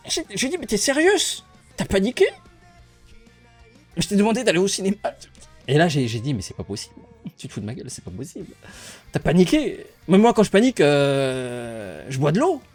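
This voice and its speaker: Young man, casual storytime, lively swooping delivery, playful and rambling, faint music underneath. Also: fairly high pitch. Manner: playful, rambling, laughs often, addresses viewers directly. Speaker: YouTuber telling a personal story.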